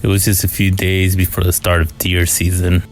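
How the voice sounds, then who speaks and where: A man reading a scripted first-person scary story in a low, haunting, somber manner. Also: completely flat delivery, normal speed. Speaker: horror story narrator. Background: music.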